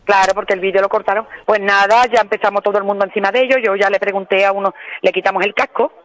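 An Andalusian woman calling into a radio show as an eyewitness, telling her story in an excited, repetitive rush. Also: mid-range voice, fast talker, rough recording. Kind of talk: phone interview on radio.

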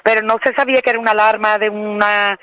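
An Andalusian woman calling into a radio show as an eyewitness, telling her story in an excited, repetitive rush. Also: mid-range voice, quick pace, rough recording. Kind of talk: phone interview on radio.

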